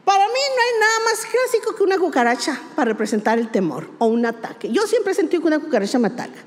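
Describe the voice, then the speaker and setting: A woman's voice: sits high, sing-song, fast talker. A woman pastor, preaching emphatically, repeating key words and asking rhetorical questions. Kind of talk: sermon. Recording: long hall reverb.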